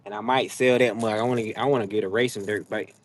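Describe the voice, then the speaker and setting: A man's voice: on the low side, steady tone, fast, slight background noise. A man in his fifties chatting casually on a livestream, rambling and laid-back with many fillers. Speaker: livestream host.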